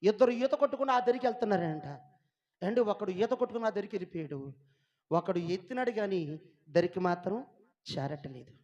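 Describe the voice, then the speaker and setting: A male pastor preaching a fiery sermon, dropping to a hush and then shouting, and calling on his listeners to clap loudly. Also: high voice, brisk, long pauses, lo-fi sound. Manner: calls on the crowd to clap loudly, asks questions.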